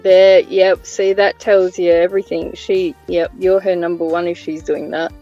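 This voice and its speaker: A woman's voice: on the low side, little pitch movement, moderate pace, dark tone, lo-fi sound, faint music behind. An Australian woman in an easygoing casual chat on her livestream, laughing often. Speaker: livestream host.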